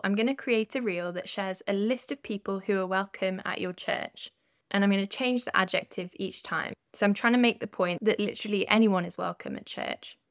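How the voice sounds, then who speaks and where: Woman, tutorial voice-over, calm step-by-step instructions, mid pitch, dry close sound. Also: no room sound. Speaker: design tutorial presenter. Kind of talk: scripted screen-recording tutorial voice-over.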